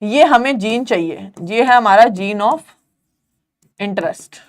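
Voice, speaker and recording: A young woman teaching biology in a live online class, mixing English terms into Hindi, quizzing students and asking whether it is clear. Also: mid-range voice, animated, slow pace. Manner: calls students "beta", quizzes them, asks if it's clear.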